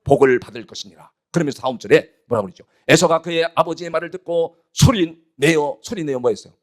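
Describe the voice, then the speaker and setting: A man's voice: a little high, fast. A male pastor preaching a sermon with emphasis, often putting rhetorical questions to his congregation.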